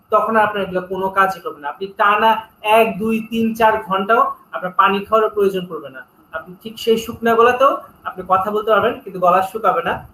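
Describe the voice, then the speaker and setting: Man, high bright voice, earnest teaching storyteller, echoey room with faint hum. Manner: earnest, instructive, tells stories. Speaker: guest speaker on public speaking. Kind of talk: interview talk, storytelling.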